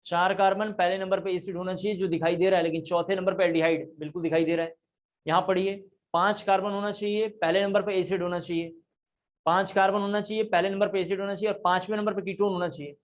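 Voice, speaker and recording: High-voiced man teaching chemistry. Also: fairly even intonation, quick pace. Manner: explains step by step, repeats key points. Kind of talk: classroom lecture. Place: classroom.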